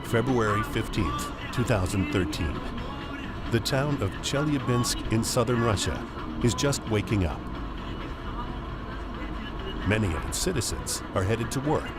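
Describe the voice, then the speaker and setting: Man, low voice, scripted documentary narration, portentous dramatic delivery, prominent music bed. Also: animated, a little slow, long pauses. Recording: music under the voice.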